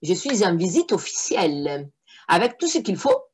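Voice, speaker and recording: A crafty old saint bluffs his way past devils with cheerful self-importance, as a woman reader voices him. His lines ride up into a lighter, lively tone. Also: on the low side, normal speed, slight background noise. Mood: pompous. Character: Saint Anthony, crafty confident old holy man.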